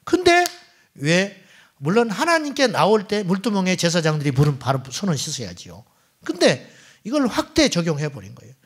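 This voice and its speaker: Male senior pastor, middle-aged, sermon delivery with a fairly high, very animated pitch; rhetorical questions, sudden hushed asides. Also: moderate pace, slightly rough. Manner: preaching, rhetorical questions to the congregation; swings between loud exclamations and near-whispered asides. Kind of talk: Friday night sermon.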